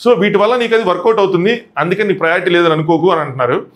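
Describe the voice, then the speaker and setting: A man giving live commentary on a reality show, retelling events animatedly and acting out what people said. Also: high voice. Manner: rapid animated retelling that acts out quotes.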